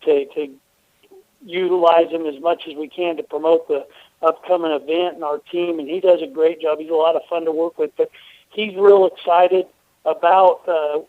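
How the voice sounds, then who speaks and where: High-voiced man on a tinny phone line. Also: moderate pace, dry recording. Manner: steady explaining with many fillers. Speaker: race team owner guest. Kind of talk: radio interview over the phone.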